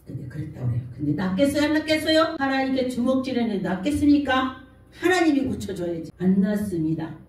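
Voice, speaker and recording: A woman's voice: high voice, big pitch swings, fast talker, a little mellow. A woman pastor preaching a sermon, telling stories and acting out the quoted speech. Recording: echoey hall from far off.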